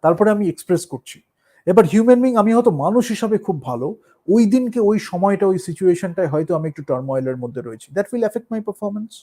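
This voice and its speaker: A man with a Bengali accent, a musician and performer, talking in a casual, thoughtful way, slipping English phrases into his speech and pausing with fillers. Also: high-pitched, lively intonation, mellow. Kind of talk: casual talk on art and performance.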